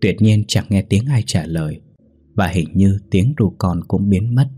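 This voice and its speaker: A man narrating a ghost story in a steady, measured reading. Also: sits low, faint music behind.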